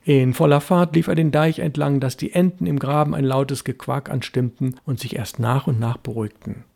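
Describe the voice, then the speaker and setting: A male narrator reads the story aloud in a calm, even, measured way. His voice has a gravelly grain and a dark, mellow tone. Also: mid-range voice. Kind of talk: audiobook narration.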